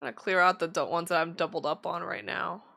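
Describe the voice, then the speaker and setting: A woman's voice: lowish voice, fairly even intonation, fast, gravelly, sharp tone. A woman streaming tarot readings in casual chat, chatty and giggly with lots of fillers, her voice slightly strained.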